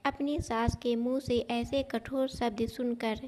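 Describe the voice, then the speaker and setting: A woman storyteller narrating a moral story in a steady, even reading. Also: fairly high pitch, a little slow, a little hiss or hum.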